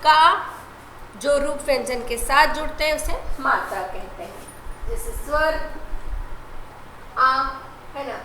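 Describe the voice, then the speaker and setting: A high-pitched woman teacher talks slowly through a lesson, explaining patiently and checking in with short tag questions. The room sounds echoey, and a steady background noise runs behind her. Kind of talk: online class lesson.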